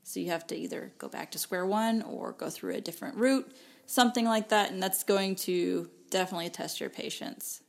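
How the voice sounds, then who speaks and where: A woman's voice: mid-range voice, brisk, vocal fry. A woman co-hosting a podcast, giving earnest, encouraging advice in a casual chat. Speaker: podcast co-host. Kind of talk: casual faith-based self-help chat.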